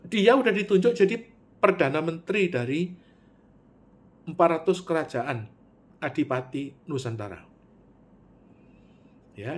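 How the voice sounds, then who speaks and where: Man, slightly high voice, animated monologue with sharp swings in volume. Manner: animated storytelling, with sudden loud pitch jumps and drops to near-mutter; Javanese words mixed in.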